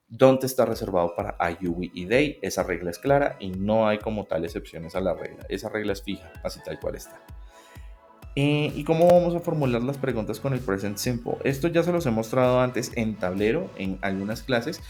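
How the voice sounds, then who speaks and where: A man's voice: medium pitch, darkish tone. A male English teacher explaining grammar patiently and step by step, reading English example sentences aloud as he goes. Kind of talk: recorded grammar lesson.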